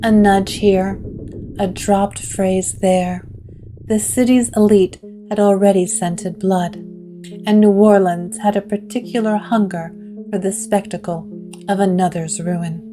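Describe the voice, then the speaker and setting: A woman with a steady, mid-range voice narrates a scripted gothic horror story in a dramatic, deliberate manner. Plucked string music plays behind her.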